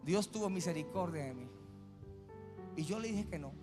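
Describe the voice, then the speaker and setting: Predicador colombiano de voz aguda. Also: male voice, sits high, lively intonation, normal speed. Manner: dramatic storytelling. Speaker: pastor. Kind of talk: sermon. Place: church. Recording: church hall reverb, soft music.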